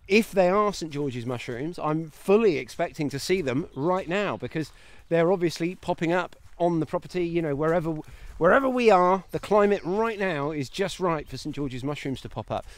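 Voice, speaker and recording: This walking vlog features a man in his thirties, host of a homesteading channel, giving mushroom foraging tips outdoors in a grassy paddock. His slightly high voice is animated, moving at a moderate pace with few pauses. The phone is held at arm's length and there's no room sound, and he's chatty and enthusiastic, pointing things out.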